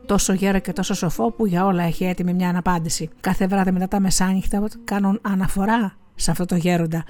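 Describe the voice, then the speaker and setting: A woman's voice: mid-range voice, mellow, close to an everyday voice. A woman voicing a poor, wise old woman who warns and scolds like a mother. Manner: urgent, warning, motherly.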